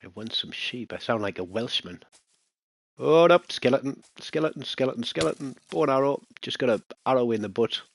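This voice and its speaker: A gaming channel host talks casually to himself through a survival game in a let's-play, muttering along and bursting out in alarm whenever enemies show up. His mid-range voice is brisk and lively in intonation, with some vocal fry.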